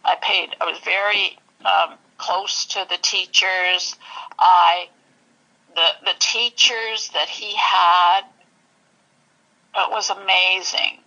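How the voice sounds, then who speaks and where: A woman telling her personal story in an interview, halting and searching for words. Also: medium pitch, gravelly, bright, forceful tone, low-quality recording. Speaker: interview guest.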